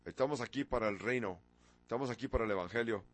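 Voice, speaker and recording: A man's voice: mid-range voice, fast talker. Sixty-year-old man preaching with rhetorical questions. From from abroad, a country once ruled by an emperor. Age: 60s. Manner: rhetorical questions, emphatic with sudden rises. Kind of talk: sermon.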